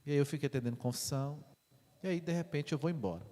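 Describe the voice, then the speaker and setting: A parish priest, preaching as an animated storyteller who swings between hushed and loud. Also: male voice, on the high side, quick pace. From Brazil. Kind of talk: sermon storytelling. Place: church. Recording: echoey church with long reverb.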